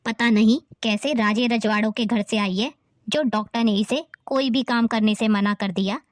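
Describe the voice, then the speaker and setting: A woman voices a harsh, scornful mother-in-law in a family drama, scolding and taunting at a normal speed. Her pitch is fairly high with fairly even intonation, and with no room sound her delivery comes close to an everyday voice.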